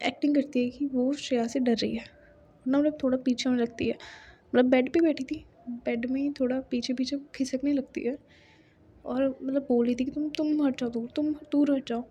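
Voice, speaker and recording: A woman's voice: high-pitched, warm tone, a little hiss or hum. A young woman telling a love story in a chatty, casual way, mixing Hindi and English with many asides. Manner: chatty, full of fillers and asides.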